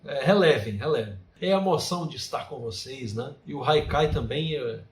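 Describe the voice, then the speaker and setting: A man's voice: mid-range voice, expressive, normal speed. A Brazilian man teaching a creative writing class, explaining poetic forms and often adding "né?" to his sentences. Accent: Brazilian Portuguese. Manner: frequent tag "né?", recites his own poems with feeling. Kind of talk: online course lecture. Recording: echoey room.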